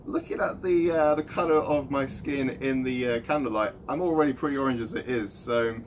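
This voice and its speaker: A man's voice: mid-range voice, a little fast. Man, late twenties, casual rambling host, slight background hiss. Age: 20s. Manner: chatty, rambling with fillers. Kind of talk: casual chat. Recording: light background noise.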